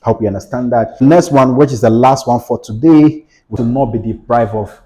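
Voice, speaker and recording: This explanatory lecture to camera comes from a legal educator from Ghana, who speaks at normal speed in a mid-range, dark-toned voice. He walks patiently through legal rights, restating ideas and illustrating them with everyday situations.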